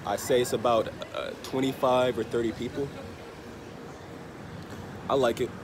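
His nose blocked and feeling poorly, a man in his thirties gives a flat, mid-range delivery while chatting to camera for his travel vlog. He speaks slowly, repeating phrases, phone held out at arm's length in an open-air hostel bar or cafe loud with traffic and passing vehicles.

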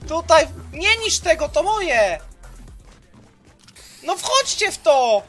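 Young guy streaming a game on a headset, high bright voice, swears a lot, yells and rants. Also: extremely slow, faint music behind. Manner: loud, swearing, excitable, mixes in English phrases. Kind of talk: live gameplay commentary. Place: small room indoors.

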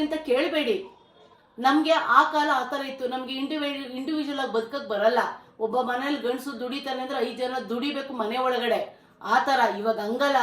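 A woman's voice: sits high, reverberant. A middle-aged woman with a Kannada accent, a mother talking emotionally to her daughter and to viewers, pleading and scolding in turn. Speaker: mother of a vlogger. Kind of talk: emotional family talk.

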